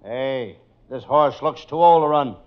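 A man's voice: medium pitch, measured pace, clean tone, close to an everyday voice. A man playing a cocky, wisecracking private detective in a 1940s radio comedy routine built on punchlines. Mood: wry, cocky. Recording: noisy, muffled old radio broadcast.

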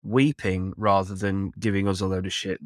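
Man, thirties, lowish pitch, dry sound, podcast host, teasing, sweary, casual sports banter. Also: flat delivery, moderate pace, no echo. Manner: speaks quietly at home late at night.

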